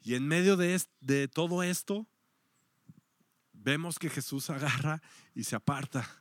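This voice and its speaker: A man preaches a sermon in a voice that sits a little high for a man. He tells the story with animation, acts out the quotes, and now and then drops to a near-whisper. The sound is dry and close, with almost no room echo. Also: a little slow. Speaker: pastor.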